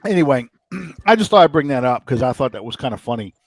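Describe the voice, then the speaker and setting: A man from the New Orleans area hosts a relaxed sports podcast. He thinks aloud, trails off and fills gaps with ums. The sound is dry and close. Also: mid-range voice, fast talker, dry recording. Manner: rambling, thinking aloud, many fillers. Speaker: podcast host. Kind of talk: casual sports podcast chat.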